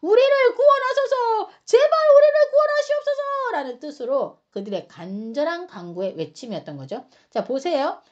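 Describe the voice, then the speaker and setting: Animated high-pitched woman teaching Bible. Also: highs cut off. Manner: animated storytelling with dramatic acted-out quotes; colloquial, chatty asides to listeners. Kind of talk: Bible study lesson.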